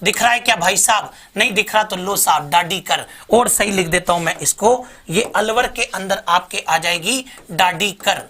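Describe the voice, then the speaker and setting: A man's voice: sits high, normal speed, few pauses, slight background noise. A man teaching an online exam-prep lesson, drilling viewers with repeated mnemonics. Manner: lively, repetitive drilling, addresses viewers as bhai sahab.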